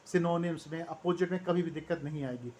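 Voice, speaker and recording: High-voiced Indian teacher reading word lists. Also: male voice, quick pace, a little mellow, a little hiss or hum. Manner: rattles off word lists, calls students "beta". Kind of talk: vocabulary lesson.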